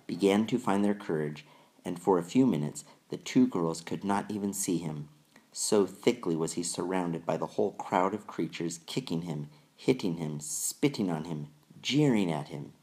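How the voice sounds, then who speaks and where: A man reading a children's novel aloud in measured, deliberate storytelling narration. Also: low voice, darkish tone. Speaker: audiobook reader. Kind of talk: scripted narration.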